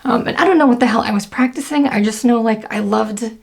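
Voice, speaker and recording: A woman's voice: on the high side, fast, gravelly. A young woman talking casually to camera, chatty and full of fillers. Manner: chatty, lots of fillers and laughs. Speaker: video creator.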